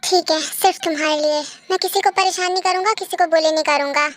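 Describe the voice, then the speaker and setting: A woman's voice: very high voice, fairly even intonation, fast talker. A woman voicing an arrogant young male college mafia heir who talks curt and bossy in a voiced story reading. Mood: pleading. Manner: bossy, curt, grudgingly apologetic.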